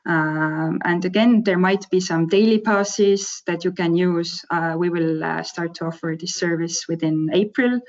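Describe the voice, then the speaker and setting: The recording is dull and a little lo-fi. A woman speaks in a fairly low voice, presenting informally as a company representative. Her delivery is hesitant, broken by frequent pauses as she finds her way through the explanation. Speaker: company representative for a scooter rental operator. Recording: dull, lo-fi sound.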